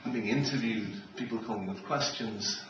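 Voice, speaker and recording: A middle-aged Israeli man gives a humorous keynote full of anecdotes, joking wryly at a normal pace in a lowish voice. The large room holds an audience, and the distant mic makes the hall sound echoey, noisy, and muffled.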